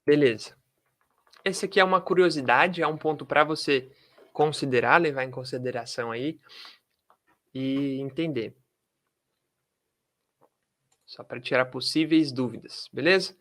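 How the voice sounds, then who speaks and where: A man's voice: mid-range voice, fairly bright tone. A man teaching an English lesson, mixing explanations with English words and carefully modeling pronunciation. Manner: switches between Portuguese and English, models pronunciation slowly. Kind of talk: English lesson taught in Portuguese.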